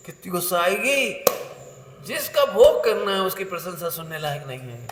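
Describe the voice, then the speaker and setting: A Jain preacher leading a workshop delivers a sermon with audience questions, playful and laughing as he quizzes listeners by name. His voice is high with big pitch swings and a measured pace. The echoey hall carries faint noise.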